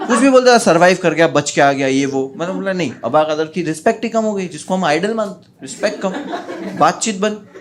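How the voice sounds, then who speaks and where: Animated stand-up storyteller, noisy recording. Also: male voice, high-pitched, a little fast. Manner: animated, acts out childhood friends' voices. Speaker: stand-up comedian.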